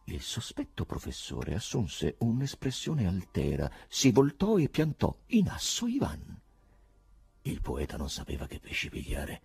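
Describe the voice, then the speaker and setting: A man narrating an audiobook in a theatrical, expressive way, with a husky voice on a close studio mic. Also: on the low side, unhurried, dry recording.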